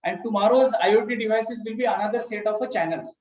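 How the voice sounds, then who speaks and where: Guy with a high voice, echoey room over a video call, thoughtful and hesitant, webinar panel. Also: fast talker. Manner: thoughtful, hesitant with fillers, ends points with "right?". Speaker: banking technology panelist.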